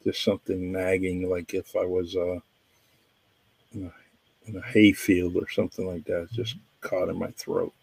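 A man's voice: low voice, flat delivery, moderate pace, gravelly, a little mellow, slightly rough, poor audio. A man hosting a podcast interview, chatting in a rambling, appreciative way, with a nagging cough. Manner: rambling, appreciative, many fillers. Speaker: podcast host. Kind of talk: casual interview chat.

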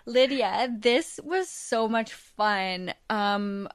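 A woman's voice: fairly high pitch, drawn-out words, smooth. A woman hosting an interview in a casual, chatty style. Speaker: interview host. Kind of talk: casual chat.

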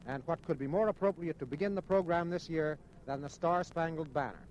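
A man's voice: a little high, a little mellow, dull audio. An American man narrating formally from a script as a 1940s radio announcer, on a noisy old outdoor broadcast. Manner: formal, measured phrasing.

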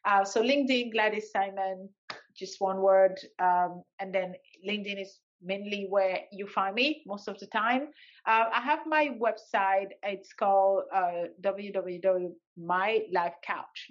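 A woman's voice: mid-range voice, muffled recording. A woman, a life coach, speaking as a guest in a casual interview, joking and talking playfully.

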